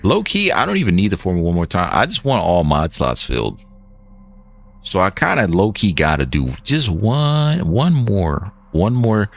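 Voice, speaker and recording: A man's voice: deep voice, wildly swooping pitch, moderate pace, gravelly. A young man streaming a game and chatting in a loose, rambling way, full of restarts and "like". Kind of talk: casual gaming commentary.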